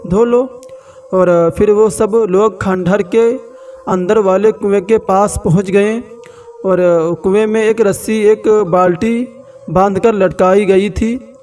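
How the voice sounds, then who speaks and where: A man narrating a scripted horror story slowly and dramatically with long pauses. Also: high-pitched, a little mellow, recorded from a distance.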